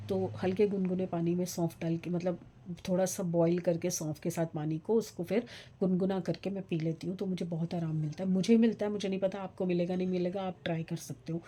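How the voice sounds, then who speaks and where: A woman's voice: fairly low pitch, dark tone, slightly rough. A middle-aged woman talking casually in a home vlog, rambling and chatty with many fillers. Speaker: vlogger.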